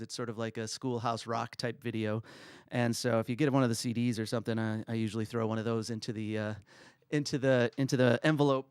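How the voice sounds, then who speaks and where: Raspy chatty man streaming. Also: medium pitch, no room sound, studio quality. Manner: rambling, chatty, self-deprecating. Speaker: comedian hosting his own livestream. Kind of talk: casual livestream chat.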